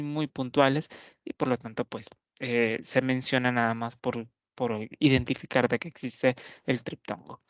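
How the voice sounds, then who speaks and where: A man teaching a grammar lesson to camera, unhurried, with many fillers and self-corrections. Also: medium pitch, dry recording, highs cut off.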